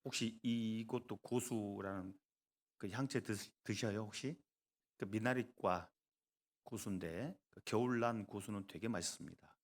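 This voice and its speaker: A male pastor delivering a sermon, moving between loud emphasis and soft asides and joking with the congregation. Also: lowish voice, unhurried.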